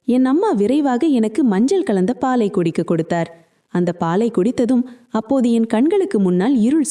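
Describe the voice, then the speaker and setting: A woman narrating a scripted first-person story with a dark, mellow tone. She keeps a steady, even storytelling pace. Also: medium pitch.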